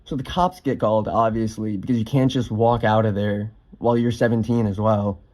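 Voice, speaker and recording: A man's voice: on the low side, fairly even intonation, fairly quick, a little mellow. A young man casually telling a personal story, offhand, swearing now and then with lots of fillers.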